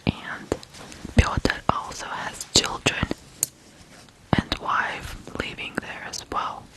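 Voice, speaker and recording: In a low-quality recording, a Ukrainian ASMR host tells true crime tales in a soft whisper. Short phrases come with frequent pauses between them.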